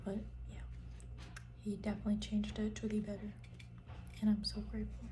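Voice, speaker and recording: A young woman whispers right up against the ear in a soft, dark-toned ASMR style. Her chat is informal and rambling, breathy and intimate. A light ambient noise sits behind the voice. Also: medium pitch, monotone, brisk. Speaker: ASMR content creator.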